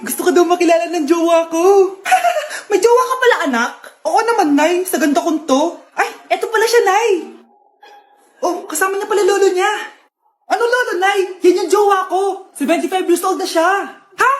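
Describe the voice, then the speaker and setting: A woman creator acting out comic family skits with an animated, shouty delivery. Her voice sits very high. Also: normal speed, echoey room. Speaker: comedy skit creator.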